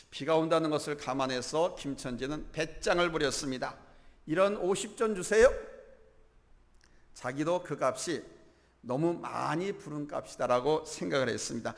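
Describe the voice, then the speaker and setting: A male pastor delivering a Sunday sermon in a church, telling a story with animated delivery and acting out its characters. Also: on the high side, gravelly. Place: church sanctuary. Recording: echoey church hall.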